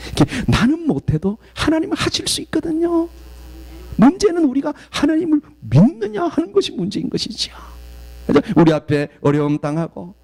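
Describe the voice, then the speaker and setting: A man from southeastern Korea, a guest pastor preaching a sermon and telling stories in an animated way. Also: very high-pitched, a little fast, vocal fry. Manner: animated storytelling, acts out quoted voices.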